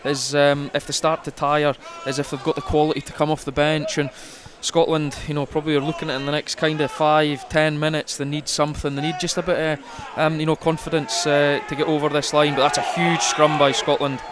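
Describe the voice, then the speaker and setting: This man's slightly high voice barely shifts in pitch as he co-commentates a rugby game live, briskly and with few pauses. He pieces together conversational analysis over the noise of the stadium crowd outdoors.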